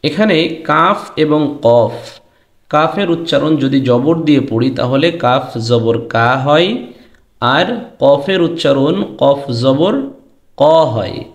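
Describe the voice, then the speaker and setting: A man's voice: a little high, lively intonation. A man teaching Quran letter pronunciation, explaining to his students and drawing out the letter names as he says them. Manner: drawn-out chanted letter names between explanations; addresses students directly. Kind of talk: pronunciation lesson. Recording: echoey room.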